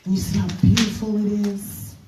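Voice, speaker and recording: A Bahamas-born minister gives a retreat keynote in a conference room, speaking earnestly into a handheld mic but haltingly, with fillers and restarts. Her mid-range voice barely moves in pitch, and the distant mic picks up echo and a noisy background.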